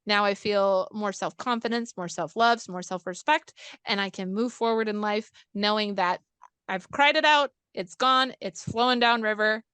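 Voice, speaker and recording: Woman podcast host, smooth clear voice, dry close sound, heartfelt and chatty. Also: mid-range voice, normal speed, dry recording. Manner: heartfelt, expressive, animated in retold quotes. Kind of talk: casual podcast chat.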